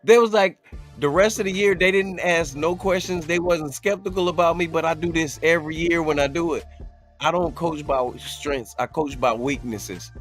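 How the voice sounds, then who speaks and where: A man with a high, ringing voice talks basketball in quick animated bursts. He swings from loud to hushed as he makes his points. Faint music plays underneath. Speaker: youth basketball coach. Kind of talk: casual sports talk.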